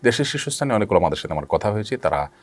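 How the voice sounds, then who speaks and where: A man, an Islamic scholar, answering viewers' questions in a measured, explanatory way with frequent drawn-out pauses. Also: lowish voice, very animated. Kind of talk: religious Q&A talk.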